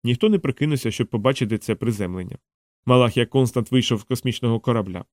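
A man narrating a novel as an audiobook, in a calm, measured way. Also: mid-range voice, no room sound, clean studio sound.

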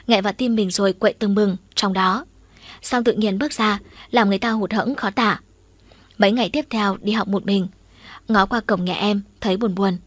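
A woman reading a first-person story as an audiobook narrator, in an even, conversational way. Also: medium pitch, no echo.

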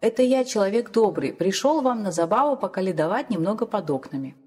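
A woman's voice: mid-range voice, lively intonation, a little fast, darkish tone, natural voice. A woman voicing a sly, cowardly older village man who mutters indignantly to himself. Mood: wheedling, hurt. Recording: long hall reverb.

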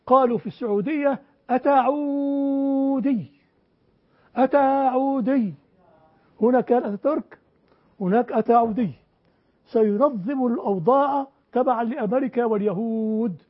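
A man's voice: very high-pitched, fairly quick. An older man teaching a class, speaking emphatically and quizzing his students in a classroom with a board. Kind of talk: classroom lecture. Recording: dull lo-fi lecture recording.

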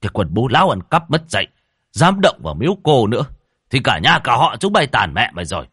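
A man's voice: mid-range voice, sing-song, quick pace, a bit bright, slightly rough, no room sound, clean studio sound, voice pushed up. A man voicing a hot-tempered older clan elder who blusters threats. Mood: angry threats.

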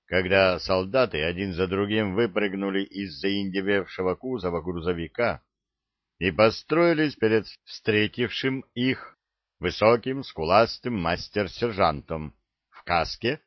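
Low, slow male audiobook narrator. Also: no echo, dull audio. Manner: measured, steady storytelling.

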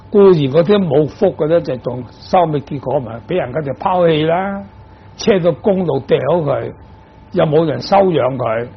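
A man's voice: on the high side, vocal fry, husky, lo-fi sound. An older man from Guangdong, a Buddhist monk giving a sermon, explaining patiently and posing rhetorical questions to his listeners. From Guangdong, China. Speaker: Buddhist monk teaching dharma.

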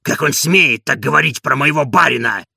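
A man voicing a hoarse, devoted old servant in an audiobook, indignant and boastful. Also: mid-range voice, normal speed, bright, forceful tone, no echo, studio quality, heavily acted. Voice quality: gravelly, hoarse.

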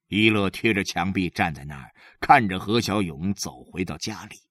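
Husky man reading a story expressively. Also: moderate pace, no echo, clean studio sound. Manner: lively, expressive reading that swings widely in pitch. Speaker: audiobook narrator.

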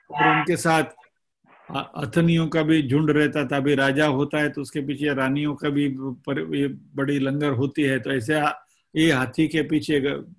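Man, spiritual teacher, narrating a scripture tale, slightly high voice, unhurried with long pauses. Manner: slow and deliberate, with pauses between phrases. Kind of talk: storytelling scripture discourse.

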